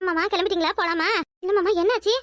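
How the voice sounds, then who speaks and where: A woman's voice: very high voice, steady tone, fast talker, a bit bright, slight background noise. A woman voicing a young village wife in a cartoon, with a Kanyakumari Tamil accent and an earnest, imploring manner. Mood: alarmed.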